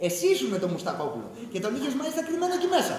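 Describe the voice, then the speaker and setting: An actor playing a flippant, teasing husband in a stage comedy, talking in a breezy, mock-reasonable way. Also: male voice, very high voice, wildly swooping pitch, heavily acted. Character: flippant, charming husband who is leaving his wife. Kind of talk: theatrical stage acting. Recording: very echoey stage, mic far off.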